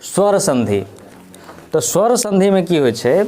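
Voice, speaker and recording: Man teaching grammar, slightly high voice. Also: sing-song, measured pace, dark tone, slight background noise. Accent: Maithili. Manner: explains step by step, asking and answering his own questions. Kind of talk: grammar lesson for school students.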